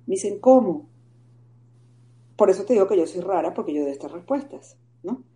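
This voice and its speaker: A woman, telling her faith story in an animated interview and acting out the voices in it. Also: medium pitch, fast. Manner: animated, storytelling, acts out quoted dialogue. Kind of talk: conversational interview.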